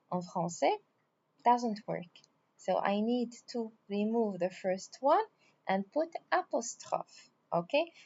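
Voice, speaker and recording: A woman French teacher speaking English and French, slowly drilling pronouns and verbs with patient repetition and frequent praise. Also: mid-range voice. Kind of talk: classroom grammar lesson in English and French. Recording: slightly dull lo-fi audio.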